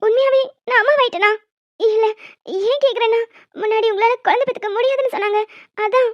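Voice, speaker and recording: A woman's voice: very high voice, steady tone, fast talker, dry recording. A woman voicing an emotional young wife in a cartoon, earnest and heartfelt, near tears. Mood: tearful. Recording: dull dry sound.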